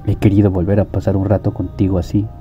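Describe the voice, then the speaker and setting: A man reading the lines of a fretful, emotional young man who talks in a quick, agitated way. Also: low voice, flat delivery, mellow, soft background music, natural voice. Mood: earnest. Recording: dull lo-fi audio.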